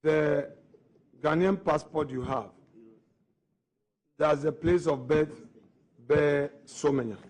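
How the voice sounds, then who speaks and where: Deliberate man pressing a nominee. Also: a little high, a little mellow. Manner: slow, deliberate, pressing questions. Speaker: committee member questioning the nominee. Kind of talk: formal parliamentary questioning.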